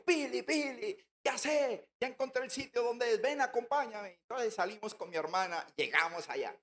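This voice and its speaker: A man with a notably high voice tells his conversion story to a church gathering. He speaks as a storyteller and repeats words and phrases for emphasis. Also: fairly bright tone. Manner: storytelling, acting out remembered dialogue. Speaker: church member giving a testimony.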